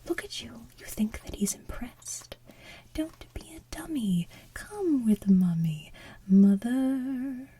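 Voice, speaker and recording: A woman voicing a smothering, manipulative villain mother from an animated musical, in soft whispered singing. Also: on the high side, slow, husky, dry recording, full character voice. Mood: mocking.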